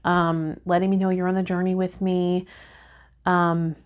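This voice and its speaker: Her voice is lowish, clear and resonant, with a flat delivery and a slightly slow pace. The woman, in her thirties, hosts a tarot video, talking reflectively and unhurriedly to camera in a casual vlog style and reading some card meanings aloud. She films indoors on a small home set with a fabric backdrop.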